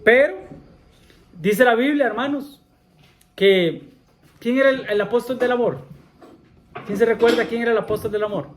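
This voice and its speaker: A man's voice: extremely high pitch, moderate pace, long pauses, slight background noise. A man preaching a sermon in a church, often repeating himself, asking the congregation questions and saying amén between points. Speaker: pastor.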